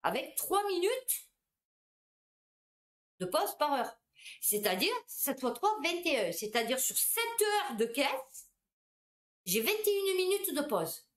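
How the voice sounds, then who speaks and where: A woman, a supermarket cashier, telling anecdotes in a casual, animated monologue. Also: high voice, slow pace, pauses often.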